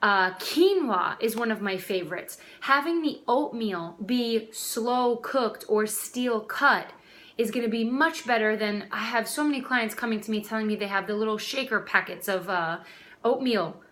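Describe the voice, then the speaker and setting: A woman's voice: fairly high pitch, normal speed, fairly bright tone. A woman in her twenties, a health coach, talking casually and directly to viewers from her dining room. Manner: chatty, direct, addresses viewers as guys. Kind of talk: casual vlog talk.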